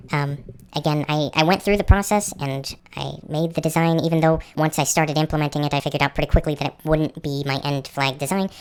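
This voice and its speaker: A man presenting a casual, explanatory slideshow narration, his voice electronically pitched up like a helium chipmunk. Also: gravelly, clear, resonant tone. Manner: conversational, explanatory. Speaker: channel host presenter.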